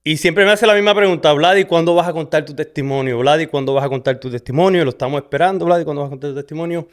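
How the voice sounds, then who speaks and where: A man's voice: fairly high pitch, racing. A middle-aged man with a Puerto Rican accent hosts a podcast and shares his personal testimony in a casual, conversational way, often tagging sentences with "¿verdad?" and slipping in an English "so". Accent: Puerto Rican Spanish. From Puerto Rico. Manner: conversational, frequent "¿verdad?" and Spanglish "so". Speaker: podcast host. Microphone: studio camera setup.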